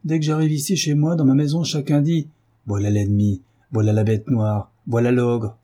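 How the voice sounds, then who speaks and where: A man's voice: medium pitch, flat delivery, warm tone, lightly acted. A drunken brutish husband, read by a man. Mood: drunk, menacing. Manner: slow, slurred, with frequent pauses. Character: drunken brutish husband, middle-aged, menacing.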